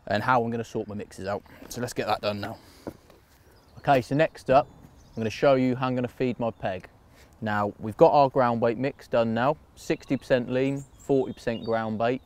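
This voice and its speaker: A man from England, an angler, calmly talking through bait mixing and feeding his swim outdoors on a canal bank in a practical fishing how-to. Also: mid-range voice, dry recording. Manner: relaxed, practical, talks through each step. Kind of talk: instructional fishing demonstration.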